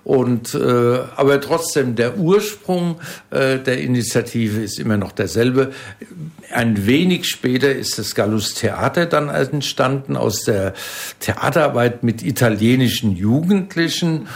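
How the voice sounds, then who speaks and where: A man's voice: mid-range voice, unhurried, gravelly. A man hosting a casual talk, speaking hesitantly with many fillers. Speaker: host. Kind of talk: casual chat.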